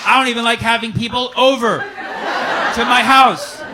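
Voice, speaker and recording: A man's voice: extremely high pitch, fairly even intonation, moderate pace. A man doing a stand-up comedy set, building wordplay bits and raising his voice on the punchlines. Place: comedy stage before a live audience. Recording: loud audience laughter and room noise. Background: loud audience laughter.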